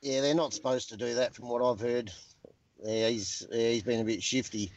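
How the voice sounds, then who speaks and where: A man's voice: mid-range voice, steady tone, normal speed. Joking man on a dull line. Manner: crude joking banter. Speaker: guest. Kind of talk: casual chat.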